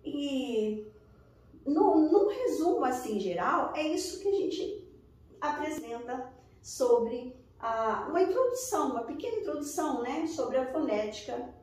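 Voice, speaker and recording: Slow-talking woman teacher in echoey room. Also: sits high, sing-song, a little mellow. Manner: slow explanatory, pointing at examples. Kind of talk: recorded lesson. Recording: echoey room, voice from far off the mic.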